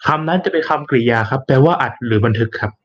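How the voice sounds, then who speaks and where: A man's voice: mid-range voice, animated, fast talker, lo-fi sound. A man patiently explaining an answer on a quiz show, spelling out the pronunciation step by step. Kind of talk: explanatory narration.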